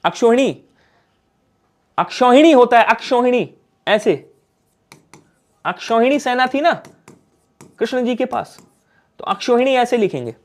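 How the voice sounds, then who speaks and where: A man's voice: extremely high pitch, expressive, a little slow, long pauses. A man with a Hindi accent teaching a live online exam-prep class, coaxing the viewers and asking questions that he then answers himself.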